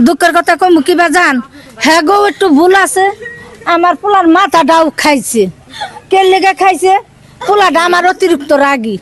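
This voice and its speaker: A woman's voice: high voice, fast, close to an everyday voice. A woman, playing an older mother who laments her son's temper. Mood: lamenting. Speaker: husband's mother in a staged news drama.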